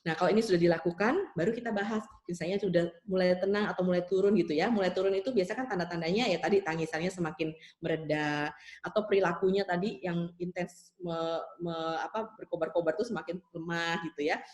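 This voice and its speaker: A woman's voice: fairly low pitch, quick pace, a little mellow, reverberant. A woman child psychologist answering a question in an online seminar. She explains step by step, uses many tag fillers and acts out soothing lines a parent might say. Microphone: video call.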